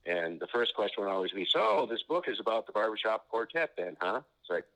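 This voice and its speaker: A man's voice: on the low side, big pitch swings, a little fast, fairly bright tone, low-quality recording. A man, an author and interview guest, heard over a phone on speaker, chatting in an easygoing, anecdotal way. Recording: phone speaker picked up in studio.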